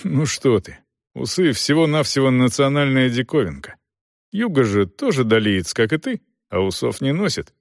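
In an audiobook, a man plays an older father who stays measured and firm. His voice moves with lively intonation. The recording is dry and close to the mic. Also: mid-range voice, creaky, no room sound. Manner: measured, persuasive. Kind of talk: audiobook reading.

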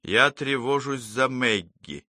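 A man's voice: mid-range voice, expressive, slow pace, sharp tone, no room sound, clean studio sound, full character voice. A man voicing a coaxing male psychologist. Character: calm, persistent male psychologist probing a patient.

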